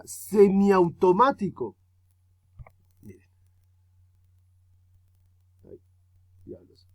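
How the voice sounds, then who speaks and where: Patient man teaching grammar. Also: a little high. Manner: explains step by step, often checks with "¿cierto?" and "¿listo?"; stretches example words slowly. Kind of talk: classroom grammar lesson.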